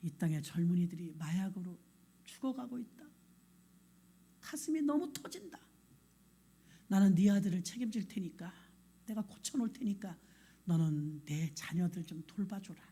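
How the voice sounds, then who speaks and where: A woman preacher voicing the Holy Spirit as a grieving, pleading divine figure, speaking low and hushed in a husky voice. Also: lively intonation, normal speed, pauses often.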